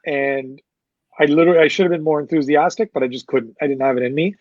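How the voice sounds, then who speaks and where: A man's voice: on the high side, fast, no room sound, dull audio. A man, a concert promoter, telling a long story in a casual interview, quoting people and swearing freely. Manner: animated anecdote-telling with profanity and quoted dialogue.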